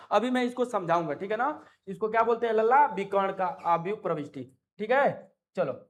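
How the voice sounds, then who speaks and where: A man explaining a maths lesson in a high-pitched voice. He repeats each point several times and keeps asking his students whether they follow. He coaxes them along with affectionate pet names. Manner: coaxing, repetitive, keeps asking students questions. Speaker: maths teacher. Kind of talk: Hindi-medium online maths lecture.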